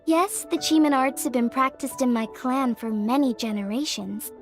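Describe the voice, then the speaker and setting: Voicing an earnest craftswoman belonging to a fortune-telling clan, a young woman explains things in a modest, careful manner for a video game. She speaks at normal speed in a high-pitched voice, and faint music plays under the cutscene.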